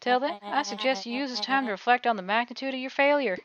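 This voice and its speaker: A woman voicing a smug, scheming video game villain scientist, delivering condescending monologues in measured, drawn-out words. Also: a little high, natural voice. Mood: gloating, cold. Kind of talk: game dialogue read aloud. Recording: dull, lo-fi mic under game music.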